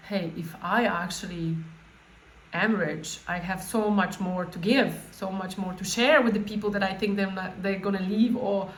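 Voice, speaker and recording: A woman coach leading an informal guided meditation, speaking off the cuff in a halting way and often rephrasing herself. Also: medium pitch, fairly even intonation. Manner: halting, spontaneous, with repeated words and rephrasing. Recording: echoey room with faint background noise.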